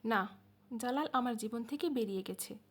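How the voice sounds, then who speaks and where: A woman's voice: a little high, normal speed, lightly acted. A woman voicing a tearful young woman who gives short, firm replies.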